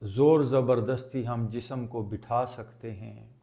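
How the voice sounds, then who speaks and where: A man leads a guided meditation as a teacher, his medium-pitched voice calm and deliberate, with long pauses between phrases.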